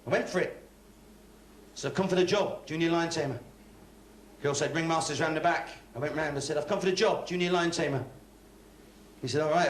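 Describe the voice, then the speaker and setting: A man from England with a West Country accent, telling stand-up stories live on stage and switching voices for each character. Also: a little high. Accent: English West Country. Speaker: stand-up comedian. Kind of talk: stand-up comedy set. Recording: echoey live hall with faint noise.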